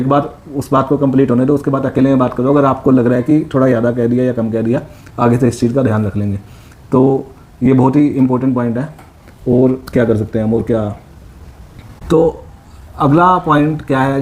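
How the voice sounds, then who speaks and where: A father co-hosting a vlog speaks in a medium-pitched, darkish voice. He earnestly explains parenting tips in a casual advice chat and often checks in with "right?"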